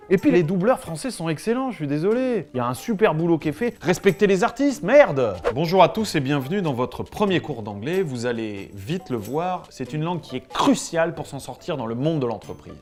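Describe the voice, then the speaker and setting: A man playing a cocky, bluffing high school English teacher in a comedy sketch, deadpan and self-assured, mixing French with French-accented English. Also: close to an everyday voice.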